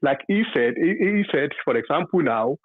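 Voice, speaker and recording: A Nigerian man in his fifties with a Yoruba accent calls in to a radio show to give his opinion, his husky, somewhat high voice coming through a dry, tinny phone line. He speaks haltingly, full of fillers and restarts, yet animated and pressing his points with emphasis.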